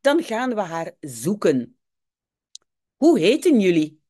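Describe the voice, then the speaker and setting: A woman's voice: mid-range voice, sing-song, slow pace, mellow, slightly rough, full character voice. A woman doing a kind shop lady. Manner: friendly, reassuring. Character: kind shop assistant, adult woman, helpful.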